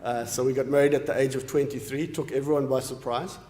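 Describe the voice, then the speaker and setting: A man's voice: mid-range voice, steady tone, quick pace, warm tone. A man in his late forties, from Zimbabwe, giving an earnest formal academic lecture, with frequent ums and restarts. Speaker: professor giving an inaugural lecture. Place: large lecture hall. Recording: echoey hall with long reverb.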